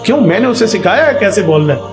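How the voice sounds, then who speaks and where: A man's voice: high-pitched, very animated, echoey room, music in the background. A man preaching a sermon, speaking with impassioned emphasis that rises and falls.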